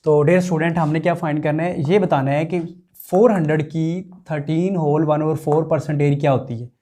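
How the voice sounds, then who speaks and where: A man's voice: a little high, steady tone, brisk, warm tone. Man teaching math step by step. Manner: step-by-step explaining with rhetorical questions; addresses students directly and repeats numbers. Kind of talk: classroom math lesson.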